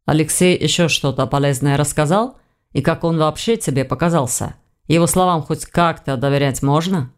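A woman voicing a calm, thoughtful man investigator in an audiobook, dropping her voice and slowing down. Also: natural voice. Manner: slow, lowered, measured delivery.

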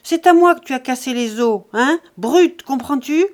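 A woman reading an audiobook, voicing a furious young farm woman who scornfully shouts down a man. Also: high voice, lively intonation, normal speed, voice pushed up.

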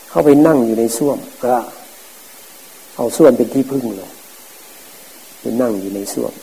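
A middle-aged man, a Buddhist forest monk, giving a calm, plain-spoken dharma talk. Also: mid-range voice, normal speed, gravelly, breathy edge. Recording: hissy, noisy old recording.

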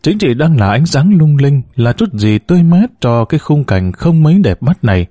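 A man narrating a story in a steady, storytelling manner. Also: a little high, moderate pace, no room sound. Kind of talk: audiobook reading.

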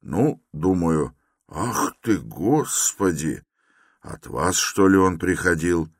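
A man's voice: sits low, sing-song, takes it slowly, breathy edge, dry recording, studio quality, exaggerated voice. A man voicing a fussy, fawning middle-aged police investigator who clucks and keeps adding polite little endings to his words. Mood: coaxing, chatty.

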